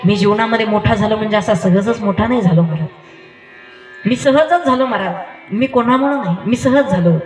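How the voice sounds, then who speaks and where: A man's voice: high-pitched, brisk. Emphatic sing-song male preacher. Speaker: kirtan preacher. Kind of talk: devotional sermon with storytelling. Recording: roomy echo with live music behind.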